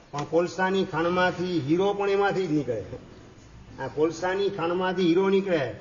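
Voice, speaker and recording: High-voiced man preaching a sermon. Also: lo-fi sound, a little hiss or hum. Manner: quizzes listeners by name. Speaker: Jain monk.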